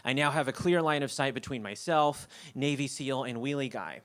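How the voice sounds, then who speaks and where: A young man telling a comic story on a theater stage, wry and animated, often laughing. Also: medium pitch, moderate pace.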